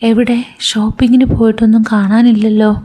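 A woman's voice: fairly high pitch, little pitch movement, fairly quick, mellow, breathy edge. A woman voicing a young married daughter who questions her mother, puzzled.

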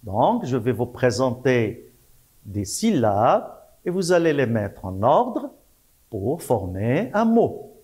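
A man teaching a French lesson to young primary pupils, repeating words and spelling out syllables slowly while praising the class. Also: mid-range voice, big pitch swings, a little mellow. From Morocco. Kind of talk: slow, patient French lesson for young children.

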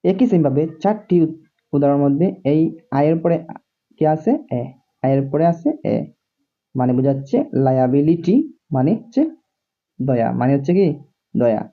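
A man's voice: on the high side, moderate pace, long pauses. A man teaching English reading in a video lesson, drilling words again and again and asking the viewer whether they see. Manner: repetitive, drills words over and over. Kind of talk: classroom-style video lesson. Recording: dull lo-fi recording.

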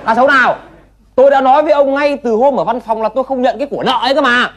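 An actor playing a slick, shady study-abroad agency director in a comedy sketch, brash and scolding. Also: male voice, very high voice, a bit bright, a faint crowd, slight background noise. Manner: brash, fast-talking, scolding.

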